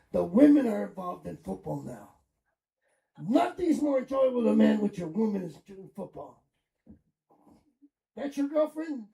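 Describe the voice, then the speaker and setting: A man's voice: very high-pitched, gravelly, mellow. A middle-aged man from Chicago doing crude, rambling stand-up comedy with crowd work on a club stage. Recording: echoey club room, mic at a distance.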